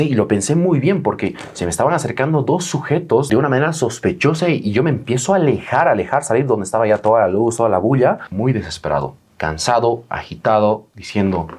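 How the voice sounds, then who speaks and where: A young man tells his travel story with real drama, and his pitch swings widely from line to line. He sounds like a vlogger speaking straight to his viewers. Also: slightly rough. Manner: animated, dramatic retelling. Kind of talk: storytelling vlog.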